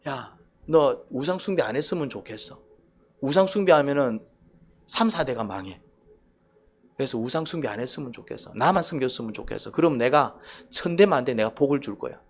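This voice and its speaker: A man voicing a gentle, caring God who reasons softly instead of commanding. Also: mid-range voice, expressive, a little fast, voice pushed down. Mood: gently pleading. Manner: soft, coaxing, reasoning.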